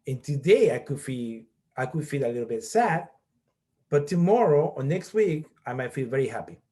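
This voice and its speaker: A man's voice: medium pitch, very animated, normal speed, mellow. A middle-aged man from Peru who leads a workshop as a college professor, explaining step by step and often checking in with "okay?". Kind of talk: online workshop presentation.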